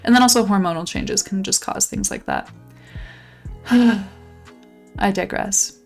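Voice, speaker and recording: With faint music in the background, a young woman speaks slowly in a mid-range voice with vocal fry. She's a channel host touring a game island, gushing and exclamatory in a bubbly, casual way, her voice a bit worn since she lost it lately.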